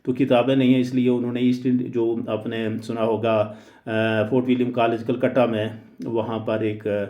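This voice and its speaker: A man teaching in a deliberate lecture, pausing often on "uh" and mixing English phrases into his speech. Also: mid-range voice, level tone. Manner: deliberate, hesitant with frequent "uh" fillers. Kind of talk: explanatory lecture. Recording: roomy, dull lo-fi recording.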